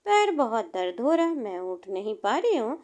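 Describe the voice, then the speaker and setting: A woman's voice: a little high, sing-song, normal speed, darkish tone, soft background music, voice pushed down. A woman narrator voicing Rukhsar, a tearful young woman in pain who pleads with her friend, in a storybook reading.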